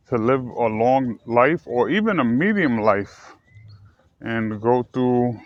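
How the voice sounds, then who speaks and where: A man from the United States talking casually and earnestly to his viewers, rambling and correcting himself as he goes. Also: mid-range voice. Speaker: vlogger. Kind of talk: casual personal talk to camera. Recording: slightly dull lo-fi recording with faint ambient noise.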